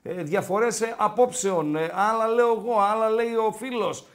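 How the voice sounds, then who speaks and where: A man co-hosting a sports talk show, telling anecdotes and acting out the dialogue in casual banter. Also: sits high. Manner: animated storyteller who acts out dialogue.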